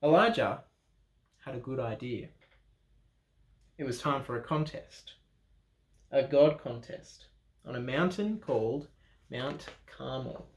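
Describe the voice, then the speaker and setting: In a church room, an Australian man reads a children's picture book aloud, adding playful, chatty asides. His medium-pitched voice takes things slowly with long pauses, and the room gives a roomy echo.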